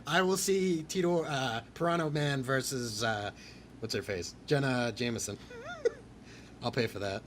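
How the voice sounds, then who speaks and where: A man hosting a podcast in casual chat, rambling and excitable with crude jokes. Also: mid-range voice, unhurried, slight background noise. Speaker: podcast host.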